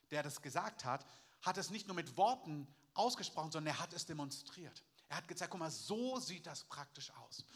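A man's voice: fairly high pitch, bright, forceful tone. A man pastor preaching a sermon, emphatic, repeating phrases and calling for amen.

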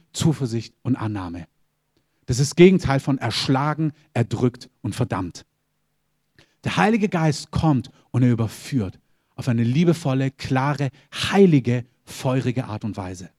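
A man's voice: medium pitch, very animated, measured pace, a little mellow, husky. A middle-aged man preaching a sermon as pastor, emphatic and repetitive, punctuating his points with calls of "Amen".

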